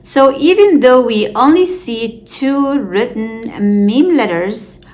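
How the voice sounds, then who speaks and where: Female language teacher, slightly high voice, unhurried, explanatory delivery. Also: lively intonation, darkish tone. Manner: slow, careful, explanatory. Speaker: Arabic teacher. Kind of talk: scripted lesson narration.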